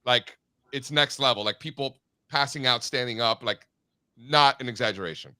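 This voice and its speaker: A man co-hosting a morning show, joking around in animated casual chat. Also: medium pitch, normal speed, smooth, no room sound. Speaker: co-host.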